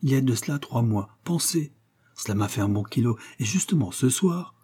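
A man voicing a kindly, flustered female housemaid in a read-aloud story, his voice pushed higher as she confides in quick, breathless chatter. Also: expressive, warm tone, husky. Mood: flustered confiding.

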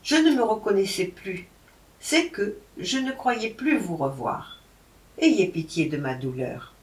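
A woman's voice: medium pitch, big pitch swings, takes it slowly. A woman reading aloud, voicing an earnest, lovesick young scholar who pleads. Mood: pleading. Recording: roomy, from a distance.

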